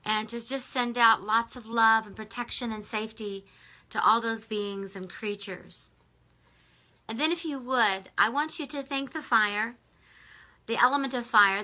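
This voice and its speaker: A woman with a clear, ringing, bright tone leads a guided meditation, speaking softly and slowly. She lingers on pauses and keeps her voice gentle and prayerful. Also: a little high, rough recording. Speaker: spiritual teacher leading a guided visualization. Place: home in the mountains.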